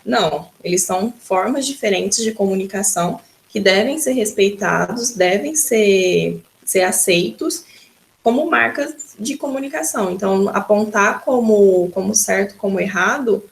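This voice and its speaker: A woman's voice: mid-range voice, measured pace, creaky. A woman teacher with a Brazilian accent giving a recorded school lesson, patiently explaining and often starting her sentences with "então". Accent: Brazilian Portuguese.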